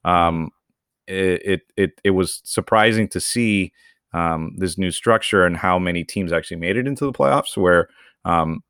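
Young man, from Venezuela, deep low voice, casual rambling co-host, dry close mic. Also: a bit bright, clean tone, dry recording. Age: young adult. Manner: explaining, rambling with restarts. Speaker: podcast co-host. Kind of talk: casual chat.

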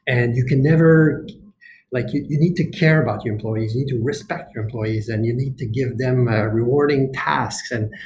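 A man's voice: mid-range voice, a little mellow, slight background noise. A man in his fifties, a company executive being interviewed on a podcast, speaking earnestly and passionately, often restarting his sentences.

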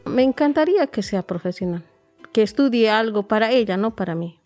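A woman, recalling her life in a soft, reflective, halting way. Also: fairly high pitch, lively intonation, faint music behind. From Bolivia. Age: 40s. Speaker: interviewee. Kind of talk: personal storytelling interview.

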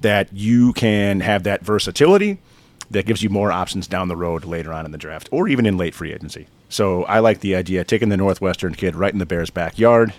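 A man co-hosting a sports podcast, explaining his reasoning in a measured, casual way. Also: low-pitched, expressive, no room sound. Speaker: podcast co-host.

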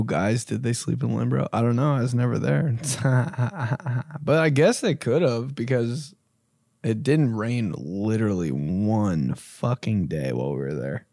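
A man's voice: mid-range voice, unhurried, creaky, dark tone, no echo, studio quality. A young man hosting a podcast, answering listener questions in a laid-back, rambling, profane way. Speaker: podcast host. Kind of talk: casual podcast chat.

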